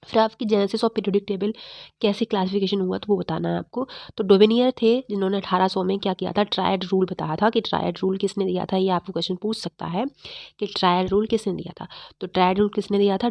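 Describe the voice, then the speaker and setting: A woman teaching chemistry in a fast, repetitive exam-prep lecture, slightly unwell. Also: medium pitch, steady tone, gravelly, a little mellow, no room sound, muffled recording. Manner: fast-talking, repetitive quizzing of students.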